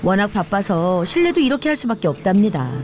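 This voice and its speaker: A woman with a medium-pitched voice narrates a nature documentary. She reads from a script like a storyteller, taking the point of view of an animal. Music plays clearly behind her. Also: sing-song, brisk. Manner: storytelling, speaking as one of the river's birds. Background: background music.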